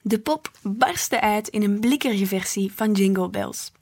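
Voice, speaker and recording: A woman narrating a children's story in an even storytelling manner. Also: medium pitch, a little slow. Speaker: audiobook reader.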